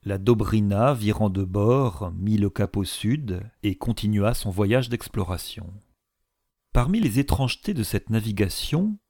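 A man reading a classic adventure novel aloud in a measured, steady storytelling delivery. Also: fairly low pitch, no echo, studio quality. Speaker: audiobook narrator. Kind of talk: scripted narration of a classic novel.

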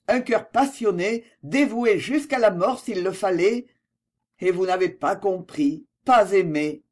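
A reader voicing a bitter, jealous man in an audiobook, speaking sharply and sarcastically in a raised, strained voice. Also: high voice. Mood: anguished. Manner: sharp, sarcastic and pleading by turns. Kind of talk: audiobook dialogue reading.

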